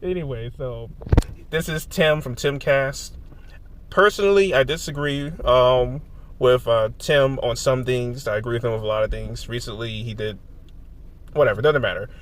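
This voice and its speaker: A man's voice: medium pitch, moderate pace. A man hosting a livestream in a casual, teasing, laugh-prone chat style. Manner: teasing banter with frequent laughter. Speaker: livestream host. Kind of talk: casual reaction stream chat.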